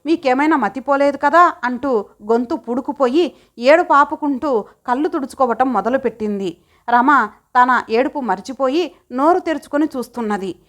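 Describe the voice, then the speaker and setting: High-voiced woman storyteller. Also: a bit bright. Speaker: narrator. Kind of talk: audio book story reading.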